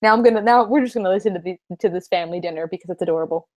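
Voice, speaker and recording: A woman's voice: lowish voice, very fast, a little hiss or hum. A woman co-hosting a casual podcast, enthusiastic and giggly, often acting out quotes. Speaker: podcast co-host. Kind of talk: casual rewatch chat.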